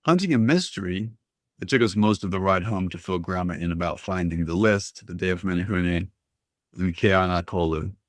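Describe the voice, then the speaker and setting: A man reading a first-person story aloud in a steady, even manner. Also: low voice, moderate pace, no room sound, studio quality. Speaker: audiobook reader. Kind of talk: scripted first-person narration.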